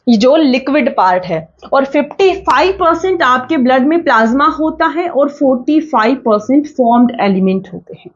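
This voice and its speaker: A woman teaching an online exam-prep class, explaining slowly, repeating points, and asking and answering her own questions. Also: sits high, muffled recording.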